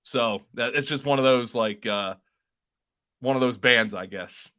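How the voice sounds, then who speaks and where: A man with a bright, forward voice co-hosts a podcast in casual chat. He talks enthusiastically, rambling at times and restarting his sentences. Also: medium pitch, unhurried, clean tone. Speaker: podcast co-host.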